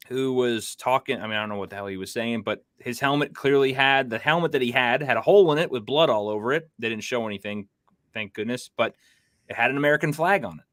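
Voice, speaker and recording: A man's voice: mid-range voice, fairly bright tone, no echo. Rambling male podcast host, dry sound. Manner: rambling, reads chat comments aloud. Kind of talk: casual livestream chat.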